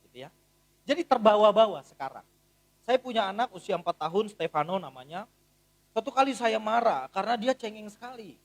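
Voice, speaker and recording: Animated male pastor preaching. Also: sits high. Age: 30s. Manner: animated, humorous storytelling with big swings in loudness. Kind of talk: sermon. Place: church.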